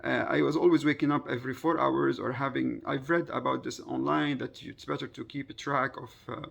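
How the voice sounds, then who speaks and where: Man, around 30, low-pitched and very creaky, telling a personal story informally, haltingly. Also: fairly even intonation, a bit bright. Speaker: vlogger recounting a personal experience.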